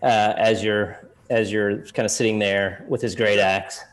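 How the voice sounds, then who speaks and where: Laughing game master narrating. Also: male voice, fairly low pitch, little pitch movement, measured pace, background noise.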